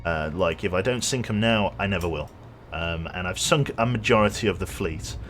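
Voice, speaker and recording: This young game streamer chats loosely with his audience, reading out messages and joking around. He has a deep, slightly bright voice at a moderate pace, with a little hiss or hum on the recording.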